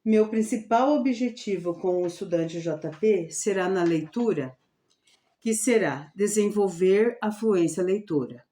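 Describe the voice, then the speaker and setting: A woman teacher explaining her reading lesson plan for a student, often checking in with a quick question. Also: medium pitch, mellow. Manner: repetitive, checks in with "certo?". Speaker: special education teacher.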